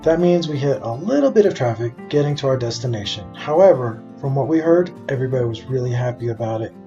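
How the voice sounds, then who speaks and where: A man's voice: medium pitch, lively intonation, fast talker, mellow. A man narrating a travel vlog in a casual recap style. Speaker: travel vlogger. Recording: dull lo-fi sound under music.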